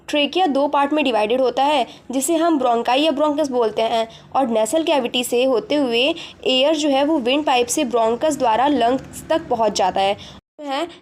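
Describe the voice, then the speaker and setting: A woman's voice: sits high, a little mellow. A young woman explaining a school biology lesson, addressing students directly and mixing English terms into her Hindi. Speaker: teacher.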